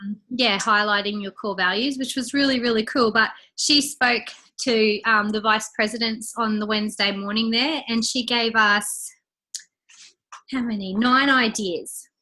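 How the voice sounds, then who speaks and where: Congested, bright-voiced woman. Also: fairly high pitch, fairly even intonation, measured pace. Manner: chatty, upbeat, lots of fillers. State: congested and a little out of breath. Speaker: team leader hosting a training call. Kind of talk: casual training call.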